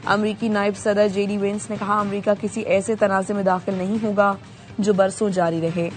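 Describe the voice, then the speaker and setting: Brief: female news anchor, brisk formal headline read, loud music bed behind. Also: medium pitch.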